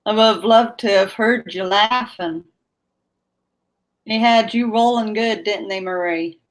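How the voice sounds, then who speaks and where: A woman's voice: mid-range voice, measured pace, low-quality recording. A woman chatting casually on a livestream in a folksy, friendly way, her R and W sounds running together. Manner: folksy, friendly, responding to viewers by name. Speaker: livestream host chatting with viewers.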